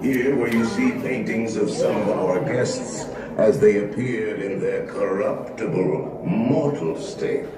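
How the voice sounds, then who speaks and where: An actor playing a theatrical, villainous ghost host who narrates a haunted mansion attraction with slow menace and ominous formal courtesy. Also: male voice, lowish voice. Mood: ominous, courtly. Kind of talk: scripted theme park attraction narration. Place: played over speakers in an indoor attraction room. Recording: echoing hall, distant speakers, some noise.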